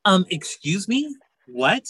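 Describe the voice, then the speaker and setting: A woman's voice: medium pitch, sing-song, fairly bright tone, husky, no room sound, heavily acted. A woman playing a snarky, sulky teenage cheerleader in a comedy radio play, hesitant and sarcastic. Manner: hesitant then sarcastic, drawn-out.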